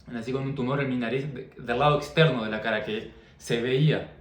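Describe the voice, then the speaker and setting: A man's voice: medium pitch, fairly even intonation, a little fast, roomy sound. A young man, a coach talking earnestly and repetitively to camera in a personal vlog. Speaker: mindset and fitness coach.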